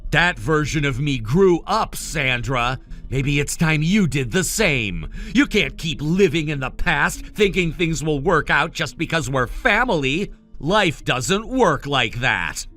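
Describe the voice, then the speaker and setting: A man performs an arrogant young brother in a dramatized family story. His bright, fairly high male voice swings widely in pitch as he cuts people down with dismissive contempt. Music plays underneath. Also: lively intonation, slow pace, heavily acted. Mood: cold, dismissive. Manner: condescending, cutting, dismissive.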